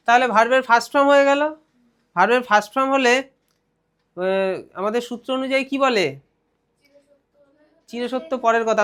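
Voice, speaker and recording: A male teacher with a Bengali accent leads a classroom grammar lesson. He reads English phrases out slowly, then explains them briskly, and keeps posing questions to his students. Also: sits high, fairly bright tone.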